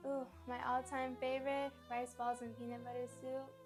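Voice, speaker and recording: A woman's voice: high-pitched, flat delivery, moderate pace, music in the background. A young female interviewee answering questions in a casual, chatty way.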